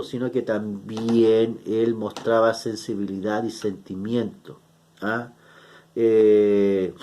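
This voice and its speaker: Slow, mellow-voiced Chilean pastor preaching. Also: male voice, medium pitch. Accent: Chilean Spanish. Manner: earnest, repeats points with frequent "¿ah?" tag questions; slow and deliberate, many filler "eh"s. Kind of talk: sermon.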